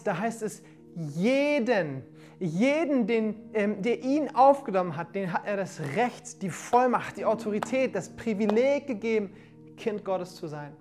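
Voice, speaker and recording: A woman in her thirties delivers a livestreamed sermon, speaking straight to her viewers. She sounds energetic and direct, often calling out to them, and sometimes sinks into soft, quiet passages. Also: mid-range voice. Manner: energetic, addressing listeners directly with "hey" and "come on". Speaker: preacher.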